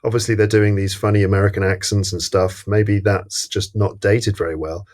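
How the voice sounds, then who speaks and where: Man, low voice, casual film podcast chat, thoughtful, hesitant. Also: little pitch movement, normal speed, a little mellow. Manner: thoughtful, hesitant, many restarts. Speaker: podcast co-host.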